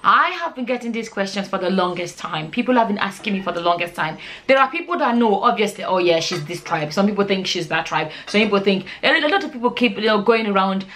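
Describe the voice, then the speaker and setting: Speaking quickly with few pauses, a Nigerian woman of forty sounds expressive, her mid-range voice a bit bright over a little hiss or hum. She's a vlogger and channel host answering viewer questions in a casual, chatty style, often repeating phrases for emphasis.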